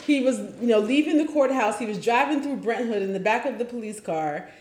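A woman's voice: on the high side, brisk. A woman co-hosting a casual chat, telling stories expressively with laughter and swearing. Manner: expressive storyteller, profane, laughing. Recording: echoey room with faint noise.

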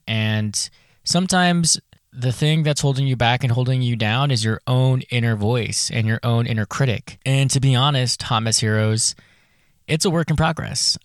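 A man's voice: mid-range voice, clean tone, no room sound, clean studio sound. A man hosting a solo podcast in a casual, candid, chatty way, recorded in a small closet full of clothes. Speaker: podcast host.

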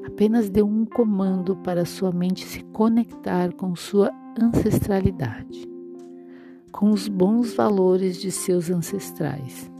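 A woman leading a guided relaxation meditation in a soothing, unhurried, instructing way. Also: medium pitch. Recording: music playing behind the voice. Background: instrumental music.

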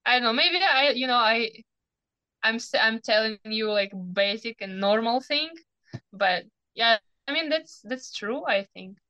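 A young woman with a Ukrainian accent, a guest chatting casually over a video call, halting and searching for her words. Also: a little high, animated, sharp tone, clear, resonant tone, dry recording, low-quality recording. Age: young adult. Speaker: guest athlete. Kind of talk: casual interview chat.

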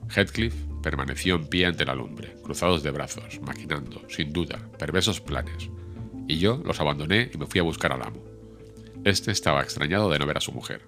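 A man narrating a classic novel as an audiobook, measured and expressive. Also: extremely low pitch, over music.

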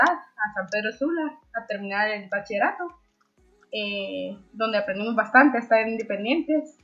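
A woman's voice: mid-range voice, pushed and bright, highs cut off. A woman in her twenties from Honduras, a young entrepreneur answering interview questions with frequent fillers and restarts. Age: 20s. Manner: hesitant, many fillers and restarts.

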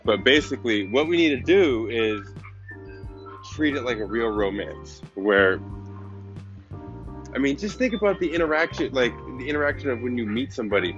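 A man's voice: medium pitch, animated, moderate pace, a bit bright. A man giving a casual, off-the-cuff podcast monologue, conversational and often checking in with the listener. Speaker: podcast host and business coach. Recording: dull lo-fi sound, faint music behind.

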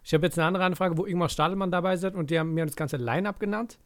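A man with a fairly high voice and a gravelly edge chats casually on a podcast. He teases his co-host in a dry way. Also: very fast. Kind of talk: casual chat.

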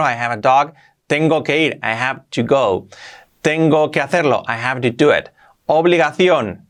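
A man from Spain with a Spanish accent, teaching English grammar to camera, repeating words and jumping up in pitch for emphasis. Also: a bit bright.

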